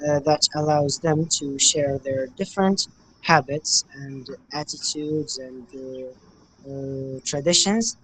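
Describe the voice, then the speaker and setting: Young man, interview guest on a call, careful and measured, faint noise. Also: a little high, a bit bright, poor audio. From Morocco. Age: young adult. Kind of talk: interview answers.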